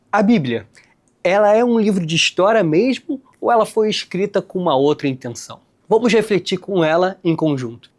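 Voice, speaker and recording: A young man from Rio de Janeiro, Brazil, a host and licensed tour guide, explains things casually in a high-pitched voice. He's conversational, speaks straight to viewers, and uses slang.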